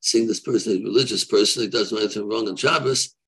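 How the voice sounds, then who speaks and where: Old rabbi guy in his 70s, croaky husky voice, halting, repeats himself while answering questions on a video call. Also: on the low side, fairly bright tone. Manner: halting, repeats and rephrases, weighing both sides. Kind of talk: unscripted religious question-and-answer. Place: room, seated on a video call. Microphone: video call microphone.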